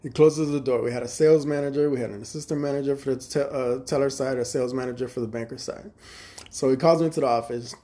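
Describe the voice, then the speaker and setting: A man's voice: medium pitch, steady tone, fast, dark tone. A man telling a story from his banking job on a casual live stream, swearing freely and acting out both sides of each conversation. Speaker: livestreamer telling a work story.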